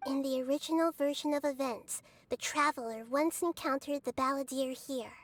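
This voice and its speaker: Woman voicing a very high, childlike fairy companion. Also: fairly even intonation, normal speed, close to an everyday voice. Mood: uneasy. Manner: squeaky, childlike, refers to self by name. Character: small childlike floating fairy companion, earnest and chatty. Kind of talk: video game voice acting.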